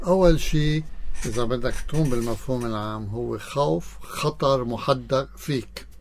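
A man with a Lebanese accent, a psychologist guest on a radio show, explaining in plain terms and tossing in rhetorical questions. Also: medium pitch. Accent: Lebanese Arabic. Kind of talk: radio interview.

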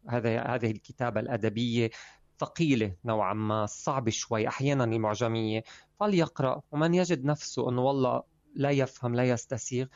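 Casting: a male journalist with a Lebanese accent. He speaks quickly and emphatically, with a didactic tone, over dry, muffled audio. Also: medium pitch, a little mellow, no room sound. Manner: emphatic, didactic, with frequent fillers. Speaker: journalist and writer. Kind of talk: conversational explanation of language usage.

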